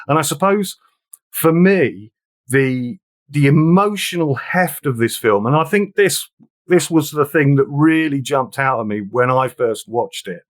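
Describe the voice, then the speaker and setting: A man's voice: fairly high pitch, animated, unhurried. A man talking through a film in a casual discussion, earnest and reflective, sometimes reading passages aloud.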